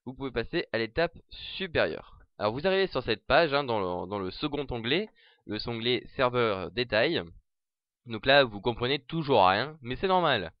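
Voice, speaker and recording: A man giving a casual, chatty software tutorial over a screen recording, full of fillers and restarts. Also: medium pitch, lively intonation, moderate pace, no room sound, dull audio.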